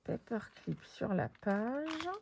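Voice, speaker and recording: A woman chatting casually while showing her craft project, thinking aloud with lots of fillers and pauses, sometimes dropping to a soft whisper. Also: fairly high pitch, sing-song, creaky, a little hiss or hum. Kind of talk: casual craft video commentary.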